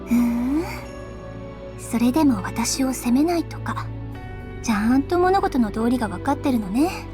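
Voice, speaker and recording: An actress plays a seductive, teasing teacher in a visual novel game. She speaks high, lively and quick, with a sing-song playfulness. Soft music plays faintly behind her. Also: natural voice. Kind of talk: anime game voice acting.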